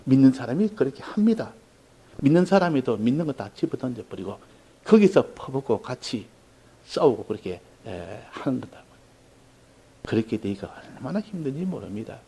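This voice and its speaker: A man preaching a sermon, telling a story in an earnest way, with sudden loud emphasis. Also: mid-range voice, big pitch swings, moderate pace, gravelly, slightly rough, low-quality recording. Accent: Korean. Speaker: pastor.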